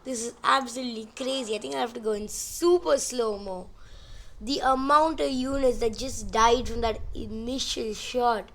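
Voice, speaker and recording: High, gravelly-voiced woman commentating a game. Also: normal speed, a bit bright. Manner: rambling, easily amused, counts units aloud. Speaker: gameplay commentator. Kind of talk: excitable battle-simulation gameplay commentary.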